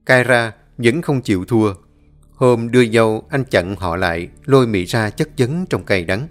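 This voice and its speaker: A male storyteller reads a scripted tale in a measured, dramatic way. His voice sits at an ordinary pitch, and faint music plays behind him.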